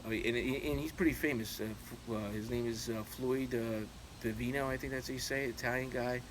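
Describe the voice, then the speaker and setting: Rambling middle-aged man over noisy ambience. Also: mid-range voice. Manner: halting, loosely anecdotal, repeats himself. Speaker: YouTube channel host. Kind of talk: casual rambling chat to viewers. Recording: clearly noisy, steady background ambience.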